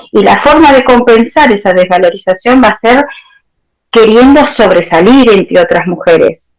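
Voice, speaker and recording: A woman therapist answering interview questions in a reflective, searching way, with pauses. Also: medium pitch, poor audio. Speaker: therapist guest.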